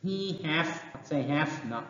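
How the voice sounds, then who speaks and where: A man from Laos teaching beginner English, who repeats each English word slowly and drills the phrases. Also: on the high side, lively intonation, sharp tone. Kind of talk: beginner language lesson. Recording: echoey, dull lo-fi room recording.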